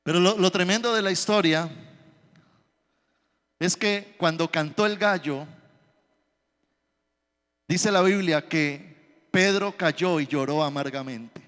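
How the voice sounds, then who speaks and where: A man's voice: high-pitched, slow, long pauses, a bit bright. A man preaching a sermon as pastor, telling the story with dramatic, storytelling flair. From Colombia. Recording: long church reverb.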